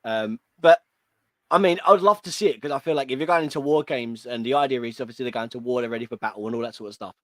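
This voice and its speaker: Fast and enthusiastic, the wrestling livestream co-host rambles through casual chat in a laid-back style. His voice sits mid-range, and the recording is dry.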